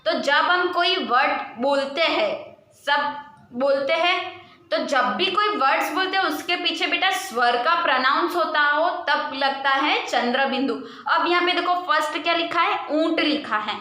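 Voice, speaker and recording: A woman teaches young children at an unhurried pace, stretching out each word and posing questions that she then answers herself. Her voice is high and bright. The recording has a noticeable room echo. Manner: slow, patient, drawn-out word repetition. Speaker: primary school Hindi teacher. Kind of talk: online lesson for young children.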